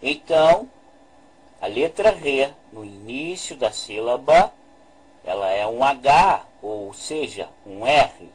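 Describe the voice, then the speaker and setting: A man giving a slow, deliberate lesson, repeating his points and pausing over each one as he talks over a screen recording. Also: medium pitch, animated, breathy edge, rough recording. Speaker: religious language teacher.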